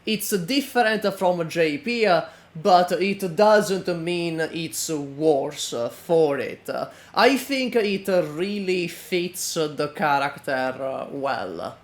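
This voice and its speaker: A man giving unscripted reaction commentary in a halting, deadpan manner. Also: fairly high pitch.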